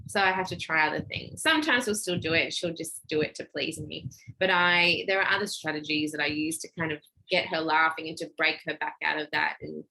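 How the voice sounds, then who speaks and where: Speaking on parenting in a loose, chatty teaching talk, a middle-aged woman who focuses on emotional intelligence plays out small quoted exchanges in a raised voice. Her low, gravelly voice is pushed and bright, fairly quick, with fairly even intonation, and the recording is rough.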